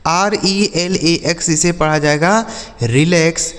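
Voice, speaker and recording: A man teaching English words to children, spelling each word out letter by letter and repeating every example slowly. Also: a little high, a bit bright, long reverb tail. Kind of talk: vocabulary lesson for children.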